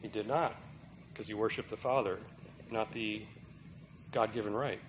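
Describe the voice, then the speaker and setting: A man's voice: fairly low pitch, fairly even intonation, normal speed, a little hiss or hum. A man preaching a sermon, asking the listeners rhetorical questions and checking in with a repeated "right?".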